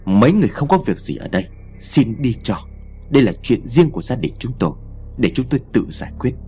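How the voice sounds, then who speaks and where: A man's voice: mid-range voice, very animated, brisk, darkish tone, soft background music, close to an everyday voice. A man voicing a proud, wealthy middle-aged mother who gives curt orders in an audio story. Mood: stern. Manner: curt, commanding.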